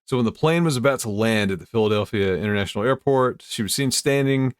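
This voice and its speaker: A man's voice: medium pitch, fast, clean tone, no echo, clean studio sound. A man hosting casually, reading news aloud with amused commentary. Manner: amused, easily breaks into chuckles. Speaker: host.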